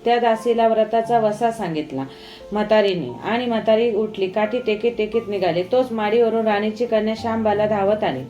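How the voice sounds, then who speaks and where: Female storyteller, measured devotional reading, mellow, roomy recording with soft music. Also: medium pitch, dull audio. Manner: measured, recitative. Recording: echoey room, faint music.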